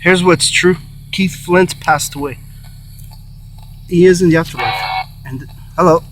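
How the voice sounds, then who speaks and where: A man hosting a paranormal session in casual, halting talk, repeating himself and breaking off phrases. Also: high-pitched. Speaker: host of a paranormal spirit box session. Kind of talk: casual rambling vlog talk, addressing spirits and viewers. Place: in or beside a car. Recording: faint hum and noise.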